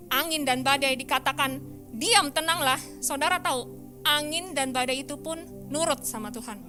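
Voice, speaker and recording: A woman pastor giving a lively sermon in church, often asking the congregation questions. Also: high voice.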